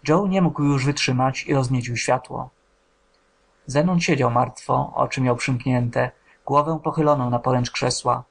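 Male audiobook narrator, gravelly and husky, slow somber literary reading. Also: mid-range voice.

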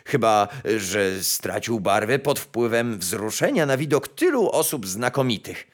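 A man's voice: lowish voice, big pitch swings, a little slow. A man voicing a fussy, pompous court chamberlain in a storybook reading, raised and fawning.

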